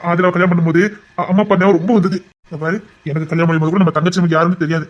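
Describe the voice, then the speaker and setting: An actor playing a gentle older brother who is a police officer, speaking with a Tirunelveli Tamil accent and consoling his siblings in a voice choked with emotion. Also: sits high, level tone, rapid-fire, lo-fi sound, natural voice. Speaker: actor in a TV serial. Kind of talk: TV serial acting.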